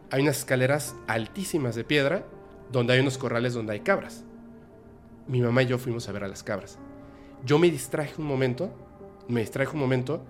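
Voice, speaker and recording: A man hosting a podcast, telling a personal story in a halting, emotional way with many restarts. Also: medium pitch. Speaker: podcast host. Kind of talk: personal storytelling in a casual chat.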